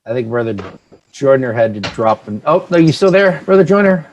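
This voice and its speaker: A man's voice: mid-range voice, animated, darkish tone, slight background noise. American man as panel moderator, stumbling, restarting questions, video call audio. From United States, Virginia. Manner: halting, self-correcting questions with frequent laughs. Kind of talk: casual moderated panel discussion.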